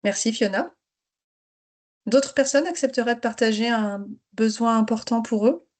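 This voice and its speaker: A woman's voice: on the high side, moderate pace, a little mellow. A woman leading an interactive online workshop for teachers, encouraging participants to share, speaking over a video call. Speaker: teacher trainer leading a webinar.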